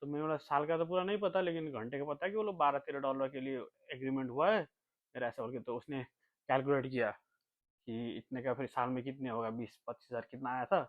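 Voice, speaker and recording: A man's voice: mid-range voice, steady tone, quick pace. A young man from Nepal telling a long, rambling story in a casual vlog, repeating himself and dropping his voice when he quotes others. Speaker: vlogger. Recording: tinny phone-like sound.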